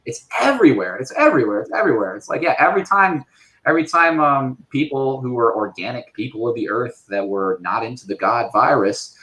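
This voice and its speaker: A man talking as an interview guest on a casual panel show, animated and full of fillers, often mimicking other voices. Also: mid-range voice, fairly quick, low-quality recording.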